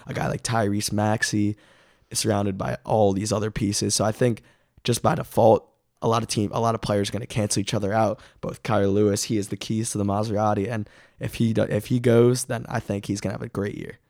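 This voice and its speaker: A man hosting a casual sports preview podcast, his voice raspy as he is under the weather with a cough. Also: on the low side, little pitch movement, brisk, darkish tone, no echo, clean studio sound.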